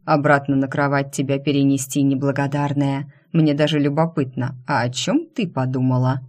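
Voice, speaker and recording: A woman reading the lines of a calm, mocking male vampire boss in an audiobook, in a dry, unhurried, teasing manner. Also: extremely low pitch. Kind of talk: audiobook character voice.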